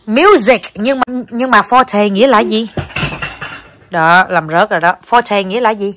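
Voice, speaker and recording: A woman's voice: mid-range voice, measured pace, noisy background. A young Southern Vietnamese woman chatting at home in a casual family vlog, coaxing her child and talking to viewers, slipping English words in. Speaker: mother vlogging with her child. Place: home, indoors.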